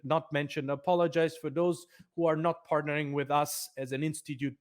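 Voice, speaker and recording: A man presenting career advice for a nonprofit foundation, speaking emphatically with many fillers and restarts. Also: on the high side.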